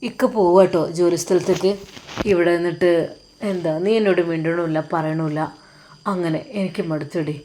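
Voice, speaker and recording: A woman's voice: on the low side, steady tone, normal speed, warm tone, slight background noise, voice pushed down, natural voice. A woman voicing a sad, patient young man, a religious teacher, speaking in a subdued, pleading way. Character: sad, patient young male cleric husband.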